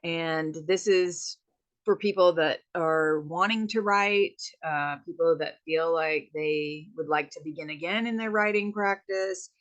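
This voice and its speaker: A woman's voice: sits low, a little slow. A middle-aged woman, a meditation teacher, speaking reflectively in a conversational interview with loose, rambling restarts.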